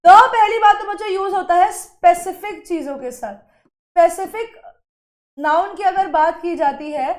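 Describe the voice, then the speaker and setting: A woman's voice: very high-pitched, normal speed, hardly any pauses, darkish tone. A woman teacher explaining a lesson to students, asking questions and answering them herself. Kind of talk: classroom lesson.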